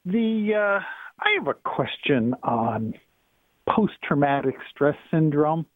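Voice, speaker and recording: A man calling in to a radio talk show over the phone, speaking haltingly and searching for his words. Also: a little high, big pitch swings, dry recording. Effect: heard over the phone. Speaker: caller. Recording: tinny phone line.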